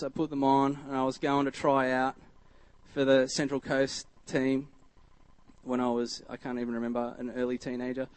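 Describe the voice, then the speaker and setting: A man with an Australian accent giving a relaxed, story-driven sermon to his church, rambling and chatty with many fillers and restarts. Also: medium pitch. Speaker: church speaker.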